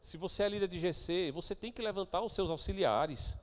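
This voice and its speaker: A man preaching a sermon as pastor of a church, moving between quiet asides and loud, emphatic declarations. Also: high voice, fairly quick, in a large hall. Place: church sanctuary.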